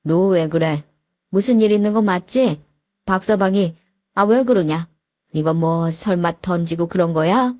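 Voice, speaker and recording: A woman voicing a blunt, worried father in his seventies who talks in a gruff, scolding way. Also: on the low side, measured pace, a little mellow, no echo, studio quality, natural voice. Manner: gruff, scolding, plain-spoken.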